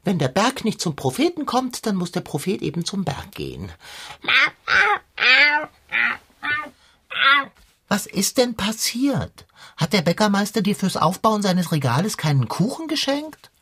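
A plump, self-pitying glutton in a children's radio play, forever complaining of hunger in lofty, antiquated words. The voice is breathy and swings widely up and down, and she hams up the grand phrasing. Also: mid-range voice, wildly swooping pitch, moderate pace. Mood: curious. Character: pompous, perpetually hungry plump male sidekick.

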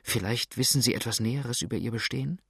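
A man reading the part of a frightened, grieving young woman in an audiobook, speaking softly and anxiously. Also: mid-range voice, fast, vocal fry, husky, dry recording, clean studio sound. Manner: soft, anxious and hushed.

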